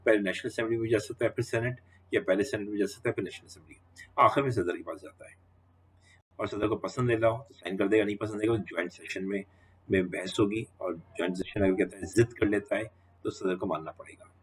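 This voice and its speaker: A man's voice: on the low side, fairly even intonation, fairly quick, husky. A man giving a law lecture, walking students through each step and repeating questions back to the class.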